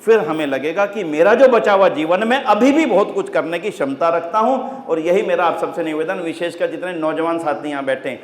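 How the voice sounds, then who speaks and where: A man's voice: a little high, a little fast, few pauses. Impassioned man preaching in an echoey hall. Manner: impassioned, exhorting, rising to loud peaks. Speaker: Arya Samaj speaker. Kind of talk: religious speech to a congregation. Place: large hall. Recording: echoey hall, long reverb.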